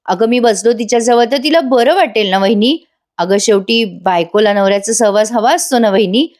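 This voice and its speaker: A woman's voice: fairly high pitch, moderate pace, darkish tone, close to an everyday voice. A woman voicing a scheming middle-aged husband who pleads and coaxes in a wheedling tone. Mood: pleading.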